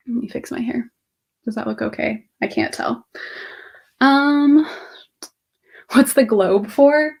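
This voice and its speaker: Streaming from a bookshelf-filled room at home, a twenties-aged woman chats with viewers, answering their questions and musing aloud in a rambling, half-distracted way. Her pitch is fairly high, with vocal fry.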